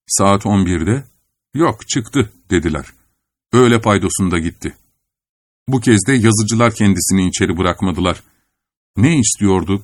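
A man reading a literary story aloud in a measured, even storytelling manner. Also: on the low side, dry recording. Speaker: narrator. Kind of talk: scripted audiobook narration.

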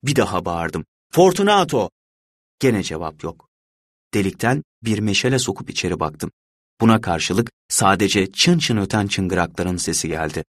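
A man reading a dark tale aloud in the first person, measured and brooding. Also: low-pitched, dry recording, studio quality. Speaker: narrator. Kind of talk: dramatic audiobook reading.

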